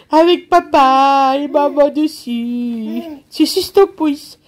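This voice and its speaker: Mom vlogger, high unhurried voice, sing-song with her baby. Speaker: vlogger, mother. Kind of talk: casual home vlog chat.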